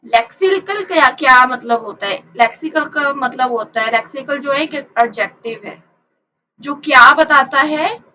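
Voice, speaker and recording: A woman's voice: high-pitched, measured pace, pushed and bright, rough recording. A woman teacher explaining a lesson from slides. She asks questions and answers them herself, and she mixes English terms into her explanation.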